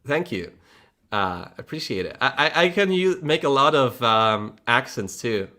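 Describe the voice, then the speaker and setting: With a medium-pitched, animated voice, a sharp tone and a measured pace, a Polish man runs a relaxed livestream chat. He is a native Polish speaker with an accent to match, who laughs a lot, restarts words, rambles, and talks frankly with a little swearing.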